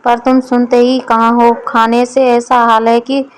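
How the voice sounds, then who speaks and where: A woman's voice: on the high side, little pitch movement, unhurried, noisy background, natural voice. A woman voicing a firm, nagging wife who scolds her husband about his eating in a storybook. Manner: nagging, matter-of-fact.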